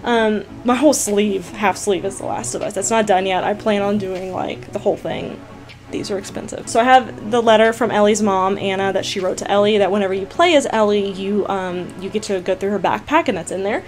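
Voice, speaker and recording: A young woman gaming vlogger, telling a story casually to camera, chatty and excitable, full of "like" and "you guys". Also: mid-range voice, a little fast. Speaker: gaming YouTuber answering viewer questions.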